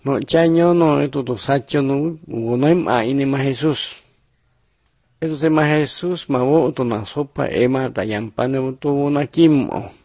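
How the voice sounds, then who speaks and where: A man narrating numbered Bible picture lessons in a steady, measured reading style. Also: medium pitch, dry recording. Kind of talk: scripted religious narration.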